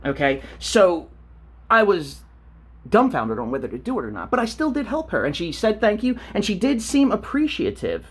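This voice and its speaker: A man's voice: sits high, huge pitch swings, normal speed, slight background noise. A man ranting on a vlog, blunt and profane, telling stories and asking rhetorical questions. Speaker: vlogger.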